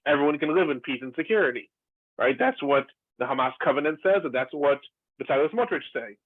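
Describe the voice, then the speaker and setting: This former lecturer from Israel speaks briskly, his voice on the high side with lively intonation. He discusses matters earnestly and at length over a video call, frequently using fillers and restarting sentences. The recording is tinny and dry, with no room sound.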